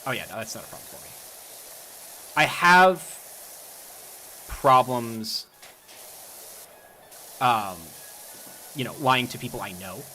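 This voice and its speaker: A young man on a live stream, talking casually and spinning wry anecdotes full of ums. His voice is bright and forward, with a faint hiss of noise underneath. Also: mid-range voice, very animated, slow pace, long pauses, poor audio. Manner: wry storytelling with frequent ums.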